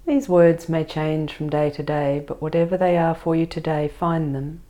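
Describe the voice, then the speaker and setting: A woman leading a guided meditation and body scan in a soft, soothing, gentle voice, speaking in short, spaced phrases. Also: low voice, fairly even intonation, normal speed.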